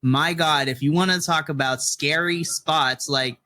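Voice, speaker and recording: A man co-hosting a podcast in casual chat, talking in excitable bursts with gasping exclamations. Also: fairly high pitch, measured pace. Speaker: podcast co-host.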